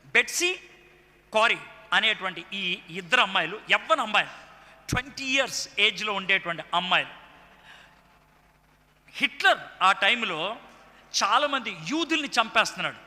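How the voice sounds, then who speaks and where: A man preaching a sermon, telling stories with animated emphasis, repeating key lines and mixing in English phrases. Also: high voice, moderate pace, long pauses. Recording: long hall reverb.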